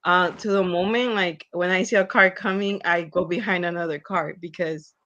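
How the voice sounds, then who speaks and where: A woman's voice: fairly low pitch, steady tone, moderate pace, pushed and bright. A woman who leads students, answering in a reflective, hesitant way with many fillers, heard over a muffled video call. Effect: muffled, lo-fi video call line from a distance. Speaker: student leader. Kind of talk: video call panel discussion. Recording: dull lo-fi remote call audio.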